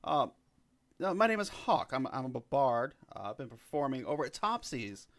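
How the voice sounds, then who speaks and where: A man's voice: mid-range voice, very animated, normal speed, fairly bright tone. Man playing a stammering, eager bard. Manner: stammering, eager, repeats words. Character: eager young male bard, fast-talking self-promoter.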